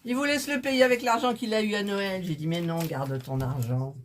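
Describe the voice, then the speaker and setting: A woman hosts a casual shopping haul with a very animated, swooping voice. She is chatty and playful as she addresses viewers. There is faint rustling noise around her. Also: a little high, brisk. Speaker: host of a shopping haul video. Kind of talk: casual chat, presenting purchases.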